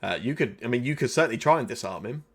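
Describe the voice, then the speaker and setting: A man's voice: medium pitch, expressive, fast, background noise. A man narrating as game master of a tabletop game, in a rambling, self-correcting way, speaking into a desk microphone at home.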